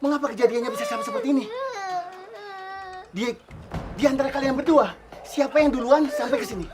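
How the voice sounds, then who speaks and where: An actor playing a police officer taking charge at a scene, urgent and commanding. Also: male voice, extremely high pitch, big pitch swings, a little fast, over music.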